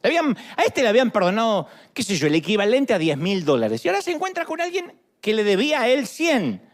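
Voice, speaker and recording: A man in his fifties with an Argentine accent, preaching a sermon in a lively, joking way. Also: sits high, quick pace. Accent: Argentine Spanish. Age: 50s. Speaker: pastor.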